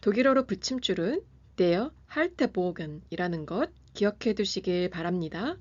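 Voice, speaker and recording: A woman hosting a music lesson, reading a scripted lesson and pronouncing German terms slowly and carefully. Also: on the low side, animated, lo-fi sound. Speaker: piano teacher and channel host.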